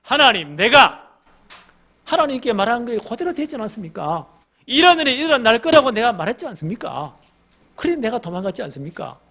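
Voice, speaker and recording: A pastor acting out a sulking male prophet in a sermon retelling, indignant and complaining. The voice is gravelly and husky and sits a little high. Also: lively intonation, quick pace, a little mellow.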